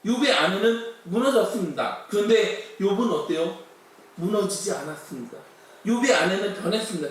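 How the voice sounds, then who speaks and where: A man preaching a sermon who asks many rhetorical questions and acts out quoted complaints. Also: sits high. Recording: very echoey hall from far off.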